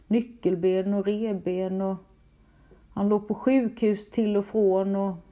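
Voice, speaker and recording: Swedish-speaking woman, mellow halting testimony. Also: medium pitch, steady tone. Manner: halting, emotional retelling with repeated words. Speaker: storyteller recounting a personal experience. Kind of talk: personal testimony.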